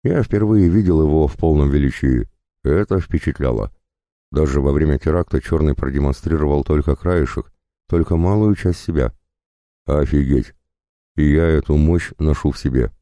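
A man narrating a first-person fantasy audiobook, reading in an expressive, conversational way. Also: a bass voice, moderate pace, no room sound, clean studio sound.

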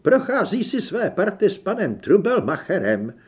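A nervous, guilty theatre manager spills out his excuses in a pushed-up, loud, bouncy voice, as a male narrator puts him on. He rambles and chatters. It comes from a storybook reading. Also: high voice, wildly swooping pitch, voice pushed up. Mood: flustered.

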